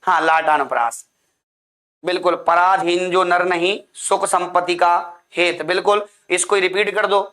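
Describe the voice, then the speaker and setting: A man's voice: high-pitched, steady tone, unhurried, sharp tone. A man teaching an online class, drilling points with repeated questions and answers and calling his students "beta".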